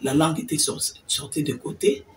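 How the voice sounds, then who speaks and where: A woman's voice: deep voice, little pitch movement, fairly quick, darkish tone. A woman giving a personal faith testimony as an interview guest, telling her story with animation and acting out the words of others. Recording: distant mic with faint noise.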